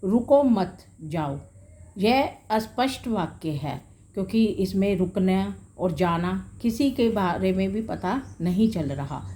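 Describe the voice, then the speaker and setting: Slow, mellow-voiced woman teaching a class. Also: mid-range voice. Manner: addresses pupils fondly as children and dear; explains slowly with worked examples. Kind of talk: classroom grammar lesson.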